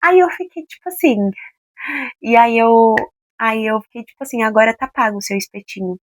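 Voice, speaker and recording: A young Brazilian woman in her twenties chats straight to the camera, her voice sitting a little high. She tells her story casually and expressively, acting out the quoted lines. The sound is close and dry, with no room around her. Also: animated, normal speed, no echo. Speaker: vlogger.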